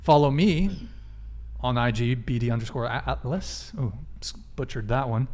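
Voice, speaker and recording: A man hosts a casual live dating talk show. He jokes with the audience and presses his guests with quick follow-up questions. His voice sits at a middling pitch. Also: lively intonation, a little mellow. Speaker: podcast host. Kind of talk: casual live-stream chat.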